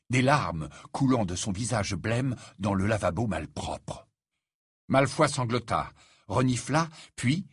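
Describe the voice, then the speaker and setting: A man reading an audiobook aloud in an expressive, dramatic way. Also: on the low side, breathy edge, no echo, clean studio sound. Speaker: audiobook narrator. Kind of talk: scripted narration.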